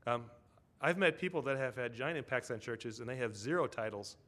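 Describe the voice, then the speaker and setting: Man of medium pitch preaching casually, telling stories and checking in with the congregation. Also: expressive, brisk, a bit bright. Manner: storytelling, with tag questions to the congregation. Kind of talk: conversational sermon.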